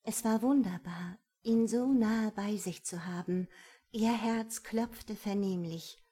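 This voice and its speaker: A woman reading a romance audiobook in a calm, measured, intimate manner. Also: medium pitch, breathy edge. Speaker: narrator. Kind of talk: scripted audiobook narration.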